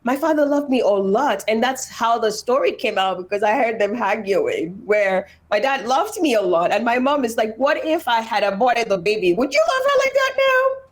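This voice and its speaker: Her fairly high voice swings widely in pitch, and she talks at an ordinary pace with few pauses. As an interview guest, this thirtysomething woman from Nigeria recounts her life in a Nigerian accent. Earnest and emphatic, she repeats phrases to drive points home.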